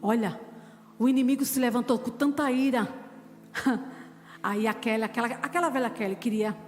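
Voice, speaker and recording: A woman's voice: fairly high pitch, moderate pace, long reverb tail. A woman pastor, preaching a sermon with fervent personal testimony. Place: church.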